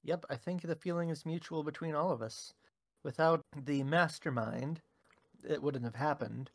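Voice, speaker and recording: A man's voice: fairly high pitch, normal speed, creaky. A man co-hosting a casual chat, teasing and a little theatrical. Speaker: channel co-host.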